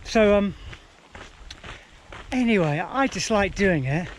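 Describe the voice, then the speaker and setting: Higher-voiced man vlogging while running. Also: animated, slow. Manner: rambling, self-deprecating dry humour. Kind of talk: casual vlog commentary to camera. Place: outdoors on a rural running route. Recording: outdoor ambient noise, passing vehicles.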